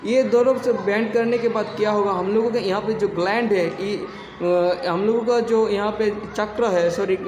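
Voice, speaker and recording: High-voiced guy explaining yoga poses, stops and restarts a lot, echoey room with faint background hum. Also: fairly even intonation. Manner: halting, with many restarts and throat clearing. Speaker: yoga teacher. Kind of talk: casual spoken instruction.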